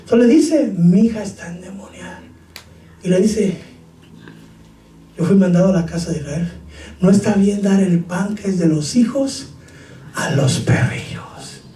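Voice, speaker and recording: A male pastor preaching a sermon, shouting scripture and joking with his congregation. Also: high-pitched, normal speed, long pauses, slight background noise. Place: church hall. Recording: echoey room, far from mic.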